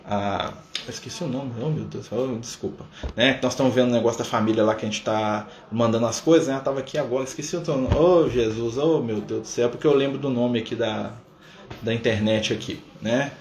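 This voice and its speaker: A Brazilian man leads a live-streamed study group in a relaxed, conversational way, ending many phrases with a questioning "né?". His voice sits at a middle pitch, and the recording picks up a noticeable room echo. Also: a little hiss or hum. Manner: conversational, fills pauses with a questioning "né?". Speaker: spiritist study group leader. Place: room at a community center.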